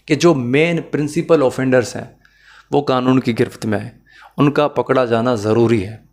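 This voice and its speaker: A man with a Pakistani accent and a medium-pitched voice teaches law in a lecture. He explains things methodically, rephrases the key points and mixes in English terms.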